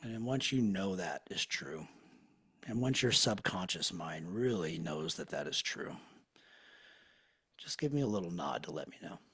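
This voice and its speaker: A man leading a guided hypnosis session in a slow, soothing, hushed manner. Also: deep voice, expressive, husky.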